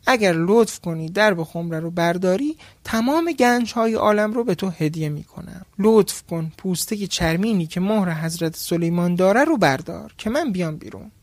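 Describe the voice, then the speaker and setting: A man's voice: sits high, no room sound. A man voicing a huge boastful male demon from a jar, threatening and angry, later pleading.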